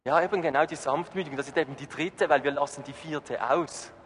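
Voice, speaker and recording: A man's voice: on the high side, fairly quick, a bit bright. A man preaching a sermon, emphatic, putting questions to the congregation. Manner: emphatic, rising and falling. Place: church hall. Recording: reverberant hall, faint noise.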